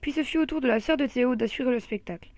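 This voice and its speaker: A woman reading a comic children's novel aloud in the first person, with lively storytelling. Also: high-pitched, fast, no room sound.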